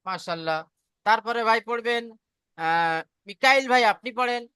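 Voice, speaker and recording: A woman with a Bengali accent teaching an online Quran reading class, patiently praising students and drilling letter sounds slowly. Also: fairly high pitch, sharp tone, clean tone, dry recording.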